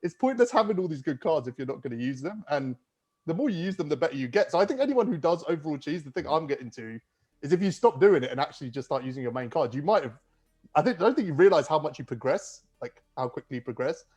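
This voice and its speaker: A man hosting a casual gaming podcast, chatty and quick to laugh. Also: fairly high pitch, expressive, a little mellow, slightly rough.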